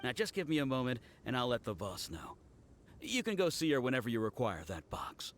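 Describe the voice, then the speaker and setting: A man voicing a courteous male antique supplier in a game cutscene, measured and salesman-like. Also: mid-range voice, very animated, slight background noise, close to an everyday voice. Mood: salesy. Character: grateful male antique supplier, polite merchant.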